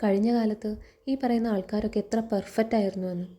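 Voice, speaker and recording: A woman reading the lines of a young servant woman who answers back calmly and firmly. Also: medium pitch, lightly acted. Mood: defiant. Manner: firm, measured.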